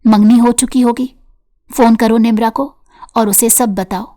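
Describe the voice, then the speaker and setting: A woman's voice: on the high side, steady tone, dark tone, natural voice. A furious young man growls threats in a harsh, desperate voice, as a woman reads him aloud. He is driven and stern in this spoken storybook.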